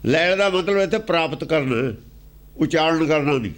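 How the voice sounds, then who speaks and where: Lively high-pitched man preaching a sermon. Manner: chants quoted verses slowly, then explains in rapid spoken commentary; rhetorical questions, repetitive emphatic phrasing. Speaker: preacher expounding scripture.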